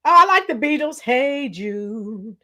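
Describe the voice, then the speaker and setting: A middle-aged woman hosting a livestream chats with her viewers, reading their comments aloud and singing snippets of songs. Her high, expressive voice is hoarse and tired, as if she's losing it, yet she pushes it bright. She takes her time.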